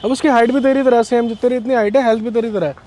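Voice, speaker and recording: Young guy pranking his friend, teasing, keeps pushing, talks fast, kinda high voice. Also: fairly even intonation, dark tone, slight background noise. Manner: teasing and persistently coaxing. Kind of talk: casual prank conversation.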